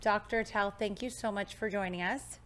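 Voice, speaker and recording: Mid-range and a bit bright, her voice stays fairly even at a moderate pace, with faint music in the background. The studio podcast host, a woman in her thirties, opens with a scripted intro before turning chatty and enthusiastic with her guest.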